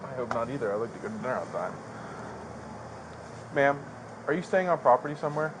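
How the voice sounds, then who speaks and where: Male cop, quick practical delivery, on-scene instructions, noisy bodycam sound. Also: medium pitch, lively intonation. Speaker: police officer.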